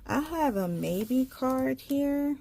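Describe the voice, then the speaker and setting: A woman doing a casual tarot reading, halting and repeating herself as she searches for words, her articulation slightly impeded by a tongue piercing. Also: sits high, expressive, creaky, warm tone. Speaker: tarot reader.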